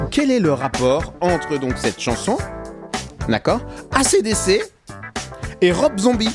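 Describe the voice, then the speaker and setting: Lively, chatty male radio host. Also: a little high. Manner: chatty and playful, many fillers, chuckles at his own asides. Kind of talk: casual music radio presenting. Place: radio studio.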